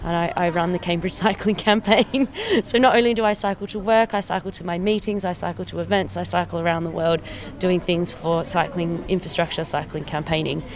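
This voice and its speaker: A woman's voice: on the low side, fairly even intonation, fairly quick. A woman in her thirties from Perth with an Australian accent, telling her own story in a chatty, enthusiastic way with small laughs, outdoors on a city street. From Perth, Western Australia. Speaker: cycling campaign officer. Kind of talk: casual personal account to camera.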